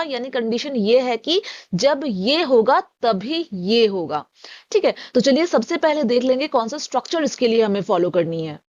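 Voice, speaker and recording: A woman with a fairly high voice teaches English grammar, explaining patiently. She reads every example sentence slowly and deliberately. The audio is a little dull and lo-fi. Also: darkish tone. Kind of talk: spoken English lesson.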